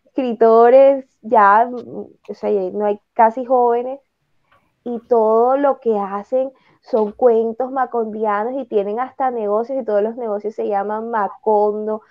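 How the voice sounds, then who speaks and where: A woman with a costeño Caribbean Spanish accent talks casually in a somewhat high voice. She pauses and restarts as she thinks aloud. The sound is a little dull and lo-fi. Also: fairly even intonation. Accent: Colombian Caribbean (costeño). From Ciénaga, Caribbean coast of Colombia. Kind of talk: casual conversational interview talk.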